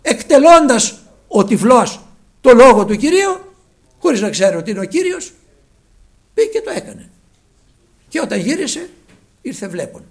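A man preaching a sermon with fervour, his phrases often sinking to a hushed, low close. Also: very animated, pauses often.

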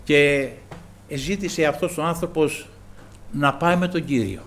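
Halting, fairly high-voiced male preacher. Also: a bit bright, a little hiss or hum. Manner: halting, many "eh" fillers, repeated "glory to the Lord". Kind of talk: sermon.

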